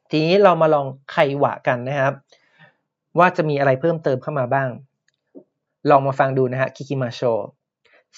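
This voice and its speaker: A man teaching Japanese words in a podcast lesson, explaining patiently and repeating each word slowly. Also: medium pitch, muffled recording.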